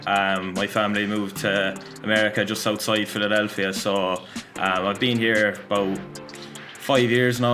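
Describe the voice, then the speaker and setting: Young west of Ireland man, lowish voice. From Galway, west of Ireland. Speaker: esports player, interviewee. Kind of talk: casual interview answers. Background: music.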